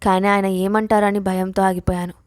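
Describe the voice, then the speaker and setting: A woman voicing a gentle, troubled young college girl in an audio story, answering in soft, worried replies. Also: medium pitch, level tone, moderate pace, no room sound, lightly acted.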